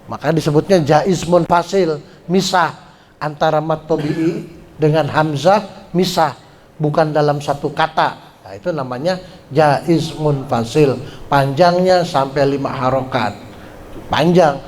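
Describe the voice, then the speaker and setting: A man teaching Quran recitation rules at a study gathering, explaining patiently and chanting drawn-out syllables to show pronunciation. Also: on the high side. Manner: slow, patient explaining with frequent "ya" check-ins. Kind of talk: tajwid lesson at a religious study gathering.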